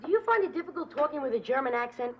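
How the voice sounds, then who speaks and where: An actress playing a snide young woman who teases an investigator in a deadpan, mocking way. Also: high voice, racing, highs cut off, heavy background noise. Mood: teasing. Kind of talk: 1970s sitcom acting.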